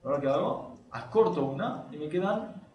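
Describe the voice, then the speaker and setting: A man's voice: on the high side, animated, moderate pace, darkish tone. A man teaching a lesson on a religious text. He reads passages aloud, then explains them and puts questions to his students.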